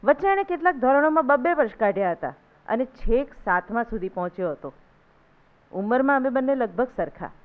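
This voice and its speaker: A woman reciting a literary essay in a steady, measured reading voice at a literary event. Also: fairly high pitch. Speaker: essay reader. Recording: thin phone-like sound.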